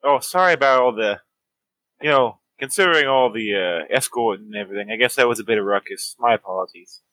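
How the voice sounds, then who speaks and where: A man's voice: mid-range voice, brisk, sharp tone, no echo, close to an everyday voice, low-quality recording. A man voicing a crude, foul-mouthed, blunt escort in a tabletop fantasy game. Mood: apologetic.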